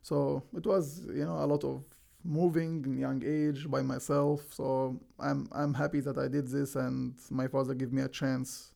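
Gravelly Egyptian-accented young man. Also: medium pitch, flat delivery, unhurried, dark tone. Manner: plain, earnest, simple non-native phrasing with restarts. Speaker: guest, professional soccer defender. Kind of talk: casual interview answers.

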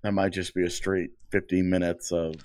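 A man's voice: low-pitched, little pitch movement, moderate pace, darkish tone. A man co-hosting a sports podcast, chatting casually about teams and seasons.

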